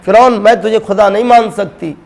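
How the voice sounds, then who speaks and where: A man's voice: high-pitched, fairly even intonation, vocal fry, a little mellow. A preacher voicing a defiant devout mother. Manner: pleading, steadfast. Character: devout defiant young mother, a servant woman.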